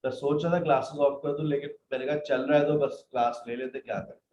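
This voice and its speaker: A man's voice: medium pitch, steady tone, quick pace, a little mellow, slight background noise. A man teaching an online English class, patiently reading out word lists and calling his students "beta". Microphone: computer mic in a live video class. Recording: roomy, dull online class audio.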